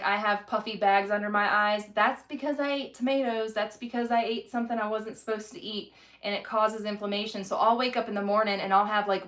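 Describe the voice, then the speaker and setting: A woman's voice: medium pitch, a bit bright. A woman, a mother of five chatting candidly in a casual home vlog, rambling and self-deprecating. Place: home kitchen.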